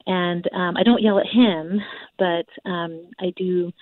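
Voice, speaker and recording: A woman calling in to a radio show over a phone line, talking in a hesitant, candid way with frequent pauses. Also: on the low side, steady tone, no echo. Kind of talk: call-in conversation. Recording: dry tinny phone line.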